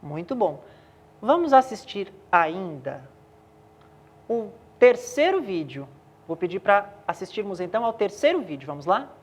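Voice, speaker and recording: A woman teacher leading a remote class at a steady pace, guiding students and asking them questions. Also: mid-range voice, unhurried.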